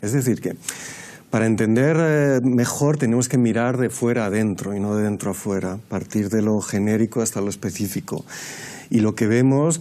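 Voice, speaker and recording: Man, panelist, dark warm voice, measured, hesitant, analytical debate talk. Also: fairly low pitch. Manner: measured, lecturing, many hesitations. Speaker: political panelist.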